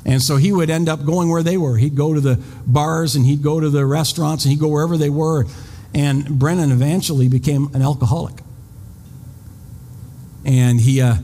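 Heard with long reverb and faint background noise, this sermon comes from a pastor in his 50s whose voice is a little high and mellow. He speaks conversationally, repeating words often and poking fun at himself along the way.

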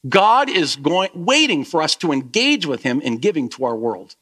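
Male pastor, animated sermon delivery, fairly high voice for a man. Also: normal speed. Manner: lively preaching that drops to a soft prayer. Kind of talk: sermon and closing prayer. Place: church sanctuary.

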